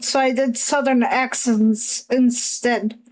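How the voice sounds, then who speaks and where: A woman streamer chatting casually while she draws, hesitant and self-conscious, with many pauses and fillers. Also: on the high side, fairly even intonation, a little mellow, poor audio. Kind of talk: casual chat while drawing.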